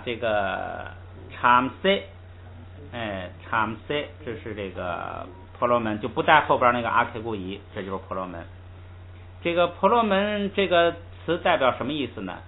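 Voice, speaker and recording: A man teaching a language class, patiently explaining step by step and drilling pronunciation aloud. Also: medium pitch. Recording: tinny lo-fi recording with faint hiss.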